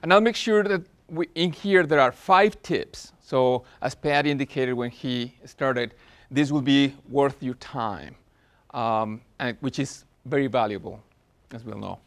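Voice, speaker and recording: A man in his forties with Spanish-accented English presents earnestly at a business workshop, often using fillers and restarting. He speaks at a measured pace with a medium-pitched voice.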